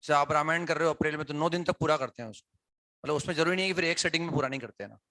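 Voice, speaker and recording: A man's voice: fairly high pitch, very fast, sharp tone, dry recording. A male teacher talks to his students in a classroom, explaining things conversationally and often checking whether they follow. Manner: conversational, asks students questions, frequent "है ना" tags.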